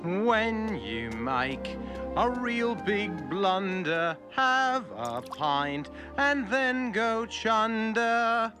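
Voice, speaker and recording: A cheeky aussie cockroach cartoon voice, singsong storyteller, kinda high, loud music behind. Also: male voice, very slow, full character voice. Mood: jaunty. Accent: Australian. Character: cheery crude cartoon cockroach storyteller, Australian. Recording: loud music behind, clip from animated show.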